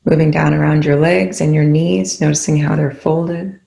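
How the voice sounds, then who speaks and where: Recorded in a room with clear echo, the meditation guide speaks in a noticeably creaky, fairly flat, low-key voice. Each brief instruction is delivered calmly and without hurry, followed by a long pause.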